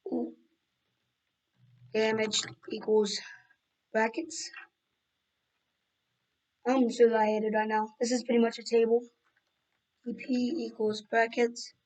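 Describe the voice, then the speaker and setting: A woman hosts a casual coding tutorial while she is losing her voice, so her speech comes out hoarse. Her voice sits fairly high but stays flat and even in pitch. She rambles, restarts sentences and fills pauses as she works. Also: rough recording. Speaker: tutorial host. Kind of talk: screen-recorded coding tutorial.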